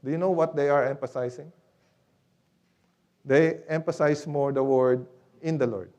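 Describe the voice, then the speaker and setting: A man's voice: a little high, fairly even intonation, measured pace, mellow. A man preaching a sermon in a church, teaching step by step and asking rhetorical questions.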